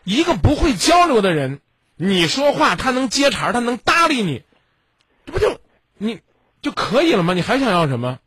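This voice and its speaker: Brief: husky male radio advice host, blunt and lecturing, very lively delivery, dry sound. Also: very high-pitched, moderate pace, no room sound. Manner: blunt, lecturing, rhetorical questions.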